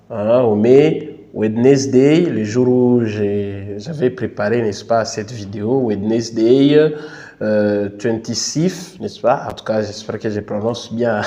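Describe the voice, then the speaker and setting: A man's voice: mid-range voice, warm tone. A man with a Congolese French accent giving a patient, repetitive teaching tutorial, often tagging phrases with "n'est-ce pas" and apologising for his English. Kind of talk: instructional screen tutorial.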